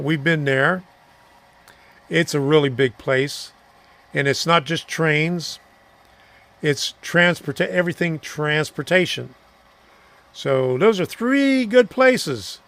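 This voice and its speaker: A middle-aged Florida man hosts a live stream, his voice on the high side with vocal fry and a slightly bright edge. He chats casually and answers viewer comments, rambling and chuckling between thoughts.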